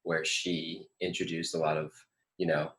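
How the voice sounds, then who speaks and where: A man co-hosting a casual TV recap chat, explaining things at a measured pace with frequent restarts. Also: rumbling low, level tone, fairly bright tone. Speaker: co-host.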